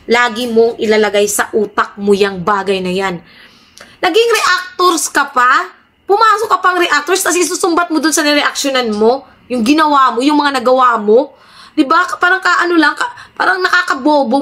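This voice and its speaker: A woman vlogger with a high, bright voice rants to her followers in heated commentary. She sounds indignant and keeps asking her audience to back her up. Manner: ranting, indignant, repeatedly asks "di ba?". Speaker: vlogger addressing her viewers.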